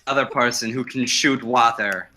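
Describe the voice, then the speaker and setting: A player at a tabletop game, joking and teasing in quick asides. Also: medium pitch, steady tone, sharp tone, slight background noise.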